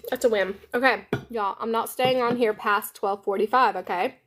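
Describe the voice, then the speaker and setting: A woman's voice: a little high, fairly even intonation, normal speed, fairly bright tone, a little hiss or hum. Chatty woman eating on a live stream. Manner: chatty, upbeat, talks to viewers while chewing. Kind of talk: casual live-stream chat while eating.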